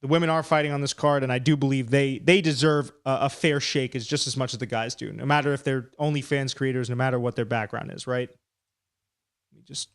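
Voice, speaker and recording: A man's voice: medium pitch, steady tone, brisk, clear, resonant tone. A man hosting a live stream, chatting casually and rambling as he breaks down fights. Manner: chatty, rambling, self-deprecating.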